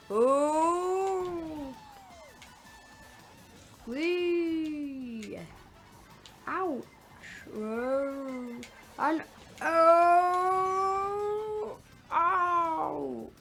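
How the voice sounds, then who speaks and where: A woman hosting a gaming video, giving playful kart racing commentary full of exclamations, oohs and little vocal sound effects. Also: high voice. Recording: game music under the voice. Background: video game music.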